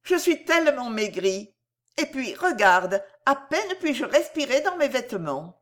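A woman's voice: sits high, sing-song, unhurried, pitched above the performer's own voice. Woman voicing a feverish, resolute young woman. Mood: calm.

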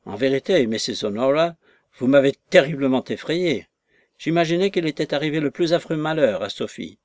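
A man voicing a frantic, lovesick young gentleman who demands answers in an urgent, exclaiming voice. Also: mid-range voice, no room sound, clean studio sound, natural voice.

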